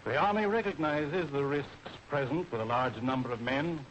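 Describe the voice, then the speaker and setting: On a dull, noisy 1940s film soundtrack, an American man plays an army medical officer in a training film. His voice sits on the high side with a fairly bright tone, and he lectures in a formal, authoritative, deliberate way.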